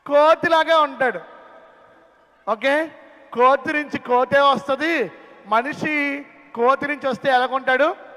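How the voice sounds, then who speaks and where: A man with a strikingly high voice runs a playful skit for children, calling questions out to the crowd of kids. His voice carries a long hall reverb, as if he were in a big camp meeting room. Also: slow pace, long pauses, pushed and bright. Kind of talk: playful skit with a young audience.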